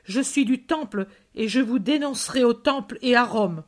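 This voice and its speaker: A woman's voice: a little high, normal speed, lightly acted. Woman playing a defiant disciple man, Judas. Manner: commanding, defiant. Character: bold male disciple, defiant, shouting orders.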